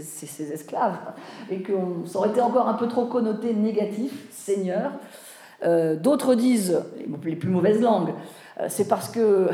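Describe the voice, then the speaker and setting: In a live lecture with audience questions, a woman who teaches the Bible speaks in a warm, mellow, mid-range voice. She is conversational and engaging, constantly asking her class questions and checking comprehension with "vous voyez" and "hein", while the roomy space adds a clear echo off the walls.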